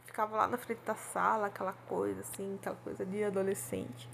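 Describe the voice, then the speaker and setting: Brief: adult woman, confessional storyteller, gravelly grain, faint background hiss. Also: mid-range voice, flat delivery, brisk, a bit bright. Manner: heartfelt, rambling, frequent tag questions. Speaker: storyteller on her own channel.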